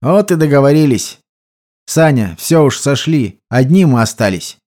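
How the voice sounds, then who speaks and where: Brief: man playing a teasing young soldier, raised pitch, mellow audiobook. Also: lively intonation, moderate pace, natural voice. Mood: wry teasing. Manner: wry, teasing. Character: cheerful joking male comrade, young.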